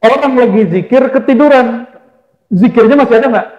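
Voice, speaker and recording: A man's voice: very high voice, brisk. A male Islamic preacher giving a sermon, asking his audience questions and answering them himself, sometimes chanting verses. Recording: echoey dull-sounding hall.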